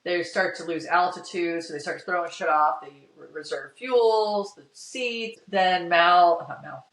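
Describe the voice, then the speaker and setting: A man's voice: sits high, a little slow, fairly bright tone. A man co-hosting a podcast, casually recapping a TV episode at length and acting out quoted lines. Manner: narrates plot at length, acts out quoted lines. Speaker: podcast co-host. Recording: roomy, distant from the mic.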